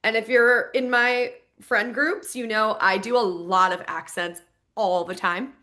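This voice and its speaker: Woman co-host, higher voice, very bright, bubbly and slangy. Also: steady tone, a little slow. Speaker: podcast co-host. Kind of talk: casual chat.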